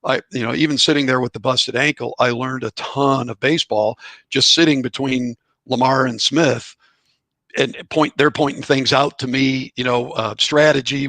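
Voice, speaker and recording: A man's voice: medium pitch, pushed and bright, no room sound. A middle-aged man, a former college ballplayer and author, telling chatty, rambling anecdotes as a podcast guest. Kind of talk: relaxed storytelling in a podcast interview.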